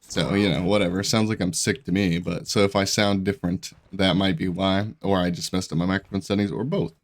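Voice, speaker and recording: Deep-voiced and brisk, with fairly even intonation, a young gaming YouTuber talks through his gameplay despite a stuffy, congested voice and sore throat. His casual commentary wanders as he interrupts himself, restarts sentences, and laughs often.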